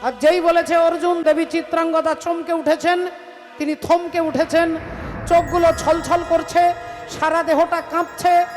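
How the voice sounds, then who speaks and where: A woman's voice: extremely high pitch, flat delivery, unhurried. A woman kirtan singer telling a devotional story with dramatic, emphatic narration. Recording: reverberant hall with music behind.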